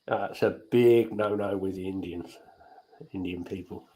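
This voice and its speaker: A man's voice: low-pitched, fairly even intonation, a little slow, mellow, low-quality recording. A man hosting a casual chat, talking bluntly and swearing freely. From England.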